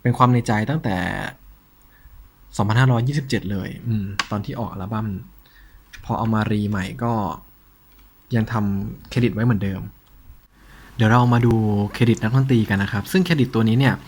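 A man hosting a collector's show in a casual, informal show-and-tell style, with a slightly husky voice. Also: medium pitch, fairly quick, long pauses, a little hiss or hum. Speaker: host of a cassette collection show.

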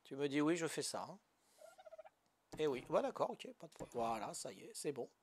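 A man's voice: fairly high pitch, big pitch swings, a little fast, a little hiss or hum. An older man from Corsica chatting casually while playing a game, good-natured and often asking if he is doing it right. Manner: good-natured, lots of "hein" and "voilà", asks for guidance. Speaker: gamer streamer. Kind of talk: casual gameplay chat.

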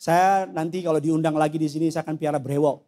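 A male pastor preaching a lively sermon in a church, joking with the congregation and acting out little scenes. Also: on the high side, quick pace. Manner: playful, jokes with the congregation, acts out voices.

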